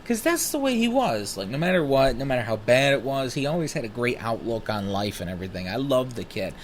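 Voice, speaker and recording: A man of thirty tells stories about his own past in a loose, rambling, animated way. He swears casually and smokes between sentences. His voice sits at an ordinary middle pitch. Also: brisk, a little hiss or hum. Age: 30s. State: smoking while talking. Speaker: vlogger. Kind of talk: casual personal storytelling.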